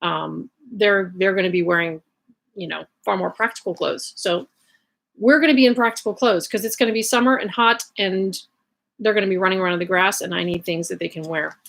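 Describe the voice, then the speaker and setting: Female livestream host, Southern US accent, noticeable vocal fry, middling pitch, casual explanatory chat with rambling asides. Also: steady tone, brisk, fairly bright tone. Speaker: livestream host sharing sewing resources. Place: indoors at home, in bed in a bedroom.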